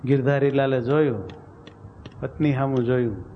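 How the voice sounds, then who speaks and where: A man's voice: mid-range voice, normal speed, dull audio, a little hiss or hum. A man telling a devotional story as a religious storyteller, with vivid, dramatic narration.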